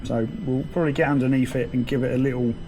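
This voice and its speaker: This mechanic presenter talks fast in a warm, steady, mid-range voice. He walks through an informal hands-on tutorial step by step inside a vehicle workshop, with workshop noise audible behind him.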